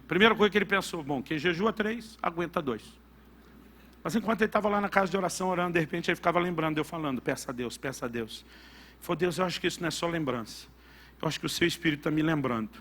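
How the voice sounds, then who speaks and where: A middle-aged man from Brazil, a pastor telling a personal story in a sermon, swinging from loud bursts to hushed, earnest passages. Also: a little high, very fast.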